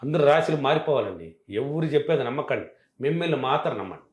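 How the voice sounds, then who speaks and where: A man's voice: medium pitch, lively intonation, quick pace, reverberant. A man teaching self-help affirmations, answering interview questions in a self-assured, emphatic and repetitive way.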